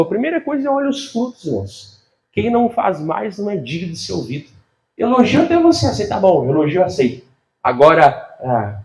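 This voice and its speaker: A pastor with a high-sitting voice preaches an animated sermon, swinging between loud and soft, laughing often, and addressing the congregation directly.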